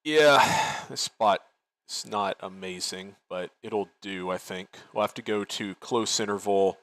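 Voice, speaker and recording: A man's voice: on the low side, a little slow, fairly bright tone, no room sound. A man leading an online military game as commander, giving tactical briefings and talking through plans casually on a headset.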